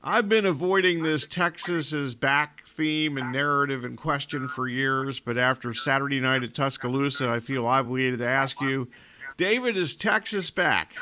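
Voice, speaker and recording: A man hosting a sports radio show, relaxed and joking about his own slips as he sets up questions. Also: mid-range voice, moderate pace.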